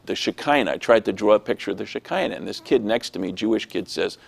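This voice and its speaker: A man telling a personal testimony in an interview, animated and acting out the voices of people he quotes. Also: fairly low pitch, fast talker, vocal fry, breathy edge.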